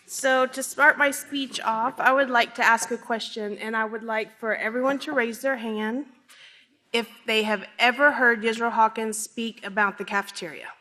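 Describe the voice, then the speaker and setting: Middle-aged lady giving a church speech on a pulpit mic, highish sharp bright voice, talks right to the congregation. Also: steady tone, moderate pace, big-room sound. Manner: addresses listeners directly, personal. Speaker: religious speaker. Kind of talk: speech to a congregation with read-out quotes.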